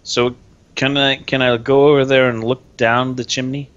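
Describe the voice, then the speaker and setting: A man's voice: mid-range voice, level tone, moderate pace, a bit bright, clear, resonant tone. A man playing a tabletop game, chatting casually and narrating what his character does. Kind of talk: casual role-play chat. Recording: dull, lo-fi sound.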